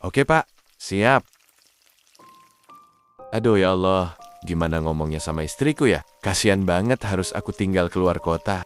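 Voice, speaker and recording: A man voicing a sweet, affectionate young husband and new father in an animated drama. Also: low-pitched, moderate pace, long pauses, soft background music.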